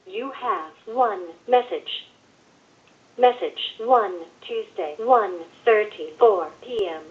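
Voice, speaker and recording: Play a woman's recorded answering machine prompt, heard through the speaker of a landline phone. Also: medium pitch. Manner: slow, evenly spaced, announcing. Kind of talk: recorded device announcement. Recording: tinny phone-line sound from a device speaker.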